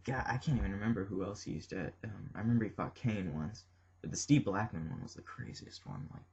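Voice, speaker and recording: A man with a lowish voice rambles through an excitable, swear-laden rant, piling up fillers. The audio is dull and lo-fi, like an old webcam mic. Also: a little fast, vocal fry, breathy edge. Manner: profane, filler-heavy, excitable. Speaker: wrestling fan vlogger.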